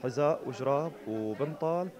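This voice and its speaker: A man in his thirties with a Syrian Arabic accent, a charity representative explaining a project in a brisk, matter-of-fact way. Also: mid-range voice. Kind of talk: interview explanation. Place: busy indoor clothing shop. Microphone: handheld reporter mic. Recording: crowd chatter behind.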